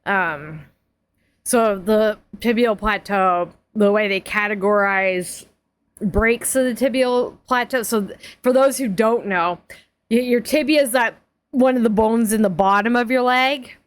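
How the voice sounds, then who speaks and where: A woman's voice: fairly high pitch, a little slow. A woman in her forties talks to her stream audience in a loose, rambling way. She piles on fillers, restarts often and laughs easily as she chats. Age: 40s. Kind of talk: casual chat.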